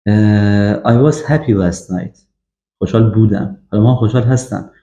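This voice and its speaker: A man giving an English grammar lesson, drilling example sentences slowly with frequent fillers. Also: on the low side, mellow. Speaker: English teacher. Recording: echoey, dull lo-fi room recording.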